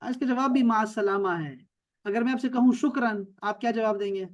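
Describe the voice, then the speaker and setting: A man with a notably high voice leads an online language class over a video call. He speaks emphatically, pressing points home. He drills words again and again until they stick. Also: fairly even intonation, highs cut off. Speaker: Arabic teacher.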